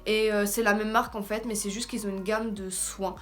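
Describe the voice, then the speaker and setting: A woman's voice: medium pitch, flat delivery, fairly quick, a bit bright, faint music behind. A woman with a French accent, also on English words, giving an informal, slangy, self-deprecating beauty haul chat. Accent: French, heard also in her English. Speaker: beauty vlogger. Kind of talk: casual haul video chat. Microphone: camera in front of her with ring light.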